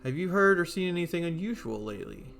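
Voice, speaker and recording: A man's voice: fairly high pitch, big pitch swings, fast, creaky, a bit bright, faint music behind, full character voice. A man voicing an FBI agent in a game, asking formal, polite questions. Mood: businesslike.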